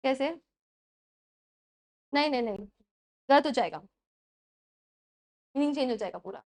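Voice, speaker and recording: A young woman teaching a class and mixing English terms into Hindi, dictating slowly, repeating points and checking that her students follow. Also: high voice, lively intonation, a little mellow. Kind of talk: classroom lecture.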